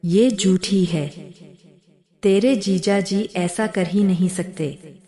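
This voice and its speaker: A woman's voice: mid-range voice, slow pace, mellow, lightly acted. Woman voicing a scornful accusing sister. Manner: harsh, slurring insults.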